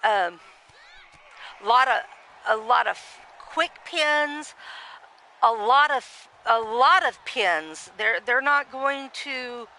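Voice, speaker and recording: A woman commentating a simulated wrestling match in a loose, chatty way. Her voice is bright and sharp. She rambles, restarts her sentences and reads viewer comments aloud. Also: on the high side, animated, slow, a little hiss or hum, poor audio. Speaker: play-by-play commentator.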